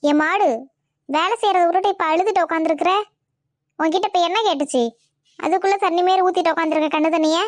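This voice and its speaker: A bossy mother-in-law , played by a woman, scolds and nags in a comedy skit. Her voice sits very high and sounds dry and close. Her talk is scornful and berating. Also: fairly even intonation, fast talker, long pauses, dry recording. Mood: scolding. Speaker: skit actor.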